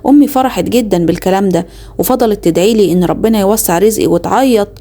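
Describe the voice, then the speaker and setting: A woman's voice: medium pitch, quick pace, dark tone. A young woman with an Egyptian accent narrating a first-person story in a confiding, dramatic inner-monologue manner. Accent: Egyptian Arabic.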